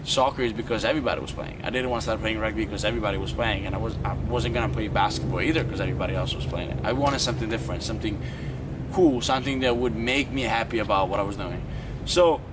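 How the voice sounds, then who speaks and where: A young man from Italy, telling his story as an interview guest, often restarting his sentences. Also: on the low side. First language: Italian. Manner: halting, with many restarts and fillers. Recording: distant outdoor mic with traffic noise.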